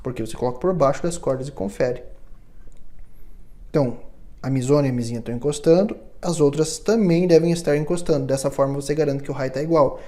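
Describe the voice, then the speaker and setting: A man, speaking in a slightly raised, mellow and warm voice. He explains instrument setup patiently, step by step, as a hands-on workshop demonstration, and keeps checking in with the listener. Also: on the high side, fast. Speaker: luthier instructor.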